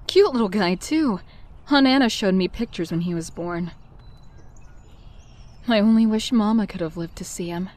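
In a comic dub, a woman with a fairly high, slightly mellow, natural voice plays Mary Jane, a fiery but guarded young woman. She tells her story in a heartfelt, confessional way across the narration and dialogue.

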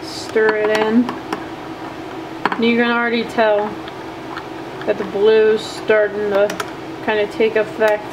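Here the bait maker speaks at a medium pitch, in a monotone, slowly and with long pauses, as she shows her soft plastic bait process at her home workbench. Her tutorial is still casual, chatty, upbeat and filler-heavy, with a noticeable air-conditioning hum.

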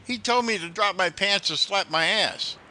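A man's voice: sits high, normal speed, pushed and bright, a little hiss or hum. A man making a casual prank phone call as the caller.

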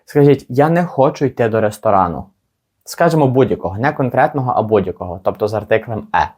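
A man teaching an English lesson. He slows right down to model each English phrase, then explains quickly. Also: medium pitch, lively intonation, a little mellow, breathy edge. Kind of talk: language lesson.

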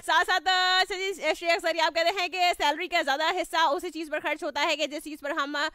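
Reading out listener messages on her morning radio program, a young host with a sore throat chats, laughs a lot and drifts into English. Her pitch is extremely high, her intonation fairly even and her pace moderate, with music running beneath her in the studio.

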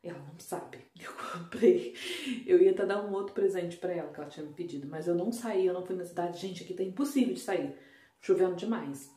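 A Brazilian woman talking softly and quietly to viewers in a casual home vlog, filmed on a phone indoors. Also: lowish voice, fairly quick. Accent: Brazilian Portuguese. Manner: speaking softly and hushed, chatty asides to viewers. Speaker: home vlogger. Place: indoors at home, bedroom and bathroom.

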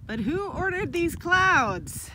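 A woman's voice: very high-pitched, sing-song, slow. A woman in her thirties vlogging a mountain hike, talking to a phone held at arm's length, chatty and upbeat with wry asides. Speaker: thru-hiker vlogger. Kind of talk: casual vlog narration. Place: outdoors on a windy mountain trail and summit. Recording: loud wind noise on the phone mic.

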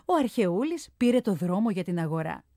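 A woman's voice: mid-range voice, very animated, warm tone, no room sound, clean studio sound. Woman narrating a children's story.

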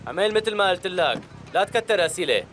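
High-pitched, commanding Syrian man. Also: big pitch swings, racing, music in the background. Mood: firm, cool. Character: shrewd, commanding man calmly threatening a swindler. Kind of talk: dubbed TV drama acting.

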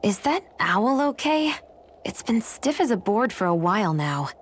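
A woman voicing a blunt, sharp-tongued young woman in a video game. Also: mid-range voice, sing-song, a little slow, a little hiss or hum. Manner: blunt, dry.

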